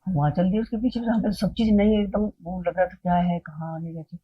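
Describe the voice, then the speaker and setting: A woman's voice: fairly low pitch, brisk, slightly rough, dull audio. A woman sharing her personal devotional experiences, retelling events vividly and acting out the dialogue, slipping English phrases into her talk. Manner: mixes English phrases into Hindi. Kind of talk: personal storytelling.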